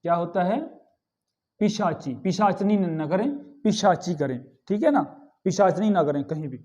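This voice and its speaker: A man teaching a grammar lesson, repeating each word slowly and asking the students questions before answering them himself. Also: high voice, darkish tone.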